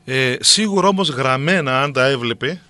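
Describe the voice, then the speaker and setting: A man's voice: medium pitch, sharp tone, no echo. A middle-aged man explaining at length to a co-host, with many hesitant fillers. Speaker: guest.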